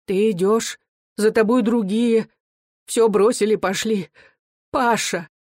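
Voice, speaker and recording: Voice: medium pitch, steady tone, slow, darkish tone, no echo, studio quality, pitched above the performer's own voice, close to an everyday voice. A narrator voicing an aging working-class mother who pleads in a raised, trembling voice. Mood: pleading. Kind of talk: audiobook character reading.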